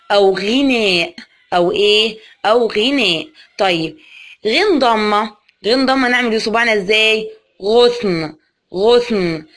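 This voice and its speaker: A woman with an Egyptian accent teaching a reading lesson to young children. She asks question after question, answers them herself, and draws out words slowly. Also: medium pitch, fairly bright tone. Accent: Egyptian Arabic. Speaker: primary school teacher.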